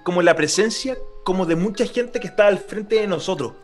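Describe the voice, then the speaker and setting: Chilean guy chiming in w short slangy bits, slightly high voice. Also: fairly quick, faint music behind. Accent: Chilean Spanish. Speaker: podcast panelist. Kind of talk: casual chat.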